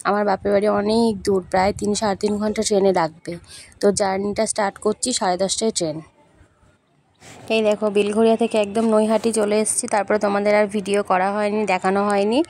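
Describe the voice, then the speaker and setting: Fast-chatting woman vlogger with a sore throat. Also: medium pitch, flat delivery, a little mellow. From West Bengal, India. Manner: friendly, addresses viewers directly. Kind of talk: chatty travel vlog narration.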